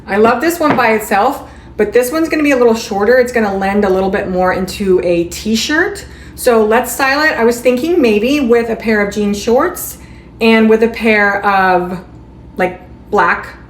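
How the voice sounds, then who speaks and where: A woman hosting a live shopping stream in a bubbly, chatty way, calling viewers sweetheart and honey. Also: fairly high pitch. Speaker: livestream shopping host. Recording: echoey room, faint background noise.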